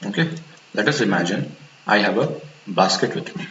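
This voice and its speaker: A man with a fairly low voice lectures in a classroom style, asking himself rhetorical questions and repeating key points. The recording is dull and lo-fi with a faint hiss, and the room echoes. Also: animated, moderate pace, fairly bright tone. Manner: explains step by step with rhetorical questions and repetition. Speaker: instructor.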